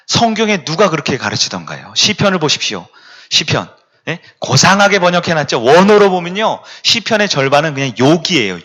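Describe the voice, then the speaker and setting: A male pastor delivers a Sunday sermon in a church sanctuary, his voice bright and ringing and somewhat high. He presses the congregation with rhetorical questions and now and then sinks to a whisper for emphasis.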